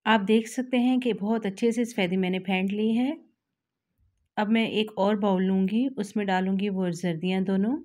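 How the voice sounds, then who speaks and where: A woman host, calmly explaining a recipe step by step to her viewers in a voice-over. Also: mid-range voice, moderate pace. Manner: calm, instructive, addresses viewers directly. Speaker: cooking channel host.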